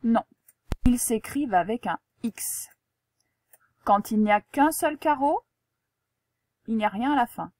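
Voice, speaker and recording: A woman's voice: a little high, expressive, a little slow, pauses often, darkish tone, no room sound. A woman teacher giving a spelling lesson and dictation to a young pupil, articulating carefully, spelling out letters and asking the pupil patient questions.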